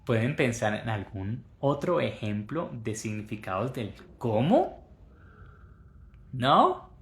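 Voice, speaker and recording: Slow, careful male English teacher. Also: medium pitch, big pitch swings, a bit bright, roomy sound. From Colombia. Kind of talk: Spanish-language English lesson.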